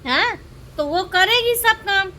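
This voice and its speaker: A woman's voice: very high voice, animated, slow, bright, forceful tone. A young woman, telling a family quarrel in a casual vlog in an aggrieved, complaining way. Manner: aggrieved, complaining, repeats "bhai" often. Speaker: vlogger.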